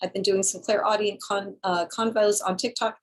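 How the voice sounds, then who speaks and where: A woman's voice: medium pitch, flat delivery, normal speed. A woman hosting her own channel, chatting upbeat about her services and social media. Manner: chatty, upbeat self-promotion. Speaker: host. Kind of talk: casual channel intro.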